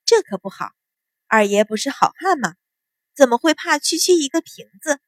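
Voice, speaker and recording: A woman's voice: sits high, big pitch swings, moderate pace, no echo, clean studio sound, voice pushed up. A woman doing a teasing, mischievous young maid. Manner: teasing, eager.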